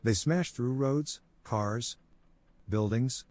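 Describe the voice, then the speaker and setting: A man giving a scripted narration, with a steady, even storytelling delivery. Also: medium pitch, takes it slowly, no room sound. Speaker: movie recap narrator.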